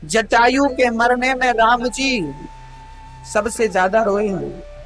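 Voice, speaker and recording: A man with a North Indian Hindi accent preaches a devotional story sermon, dramatizing the tale and turning to his listeners directly. His voice sits high and he speaks slowly, lingering over phrases. Faint music plays softly under the live talk. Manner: dramatic, voices characters in quotes, addresses listeners as mother. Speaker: Bhagavat katha preacher.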